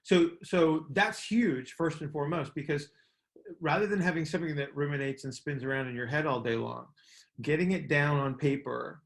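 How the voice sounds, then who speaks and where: A middle-aged man with a fairly high, gravelly voice hosts a casual coaching call at normal speed. He explains emphatically, repeats key words, and keeps checking in with "right?".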